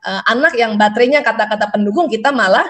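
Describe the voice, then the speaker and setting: A middle-aged woman lectures on parenting in a fairly high voice. She keeps asking her audience questions, tags her points with a quick "ya", and slips into short acted-out lines of parents and children. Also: a bit bright. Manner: rhetorical questions, frequent "ya". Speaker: parenting seminar speaker.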